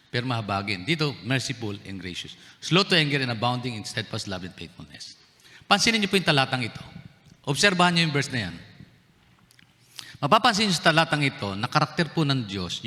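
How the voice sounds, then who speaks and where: Male pastor, Filipino, sermon, bright voice, asks the congregation questions, long church-hall reverb. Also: medium pitch. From Philippines. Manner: mixes English phrases into his preaching, asks the congregation questions, jokes. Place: church sanctuary.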